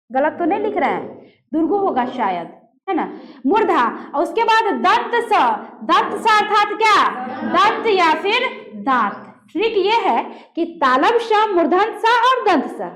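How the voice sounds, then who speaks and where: A woman's voice: very high voice, fairly bright tone. A woman teaching a grammar lesson, demonstrating sounds aloud and quizzing her students. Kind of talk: classroom lesson on pronunciation.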